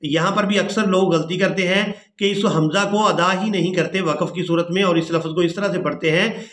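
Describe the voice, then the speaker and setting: Guy teaching quran reading, high voice, spells letters then chants slow, echoey room. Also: fairly even intonation, fairly bright tone. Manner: spells out letters and vowel marks, then chants the verse slowly. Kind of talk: tajweed lesson with chanted recitation.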